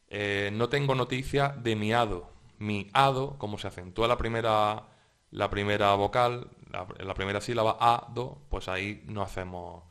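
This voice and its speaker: A man's voice: on the low side, a bit bright. A man teaching a lesson on verse metrics, explaining step by step with frequent restarts and checking tags. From Spain. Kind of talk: exam-prep lecture.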